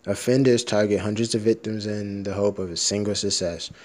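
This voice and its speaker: A man with a fairly low, everyday speaking voice, talking bluntly and swearing freely. He rants casually, leans on slang like "bro", and sometimes reads text out loud. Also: steady tone, a little fast. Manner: profane, blunt, ranting. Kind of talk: casual rant, reading an article aloud.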